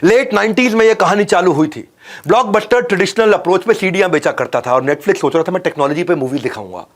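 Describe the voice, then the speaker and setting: An emphatic man gives a motivational business talk. His voice sits fairly high for a man. He hammers key phrases through repetition and swings between loud punches and soft, low asides. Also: lively intonation, brisk. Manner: emphatic, repeats lines for stress, swings from loud to hushed. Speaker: business coach.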